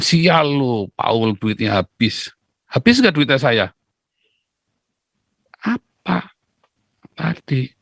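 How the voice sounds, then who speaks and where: A man from Indonesia, a pastor and YouTuber, talking casually to his viewers in an animated way, keeps asking rhetorical questions and answering them himself, with teasing laughs. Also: fairly high pitch, vocal fry, husky, no room sound. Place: Netherlands.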